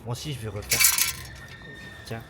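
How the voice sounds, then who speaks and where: A man's voice: lowish voice, moderate pace, heavy background noise. A man from France, chatting informally in short remarks on a travel vlog. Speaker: travel vlogger. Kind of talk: casual chat.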